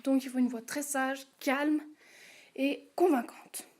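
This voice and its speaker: High-voiced woman listing roles. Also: fairly even intonation, takes it slowly, darkish tone. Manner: hesitant, with fillers and trailing asides. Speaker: channel host casting voice actors. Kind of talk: casual casting call, listing roles.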